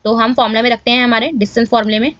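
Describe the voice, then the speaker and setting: A woman's voice: fairly high pitch, level tone, rapid-fire, fairly bright tone, lo-fi sound. A woman teaching maths step by step in a casual manner, often checking in with viewers. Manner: casual, addresses viewers as guys, checks with "clear?".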